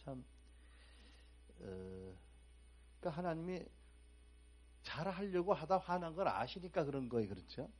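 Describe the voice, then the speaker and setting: A man preaching a sermon to a congregation, asking them rhetorical questions and swinging between soft asides and loud, emphatic outbursts. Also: on the high side, sing-song, unhurried, long pauses.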